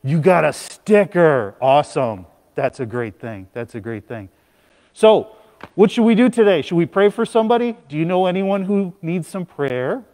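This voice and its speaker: A man in the pulpit talking to children with a high, lively voice that swoops up and down as he jokes with them. His words ring out through a church with a long hall reverb. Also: normal speed. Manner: playful, animated talk to children. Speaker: pastor. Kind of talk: children's moment at a church service. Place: church sanctuary.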